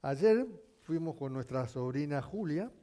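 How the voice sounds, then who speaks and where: A male pastor preaching a sermon, telling stories with animation and asking his congregation questions, at times rising to near shouting. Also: fairly high pitch, expressive, measured pace. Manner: addresses the congregation with frequent questions.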